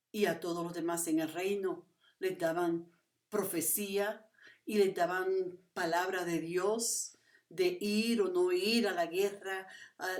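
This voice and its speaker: A woman's voice: mid-range voice, echoey room, distant mic. Woman preacher, mic set back. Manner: storytelling, rhetorical questions, animated retelling. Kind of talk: sermon.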